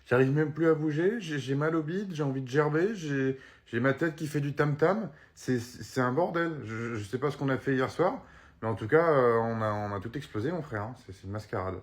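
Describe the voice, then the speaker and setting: A man's voice: mid-range voice, normal speed. A man doing a comic sketch monologue and ranting in an exasperated, crude way. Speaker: comedian.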